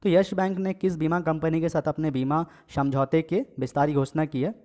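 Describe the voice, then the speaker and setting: A man with a fairly high-pitched voice runs a casual exam-prep quiz for his viewers. He reads each question and its options aloud, then gives the answer and repeats it. He keeps checking in with a quick "okay" between points. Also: steady tone, mellow. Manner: addresses viewers as friends and guys. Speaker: exam coaching teacher.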